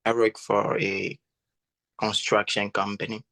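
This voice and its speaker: A man in his twenties with a gravelly, sharp-edged voice, somewhat low. He keeps his answers short and plain. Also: little pitch movement, a little slow, dry recording. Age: 20s. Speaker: caller.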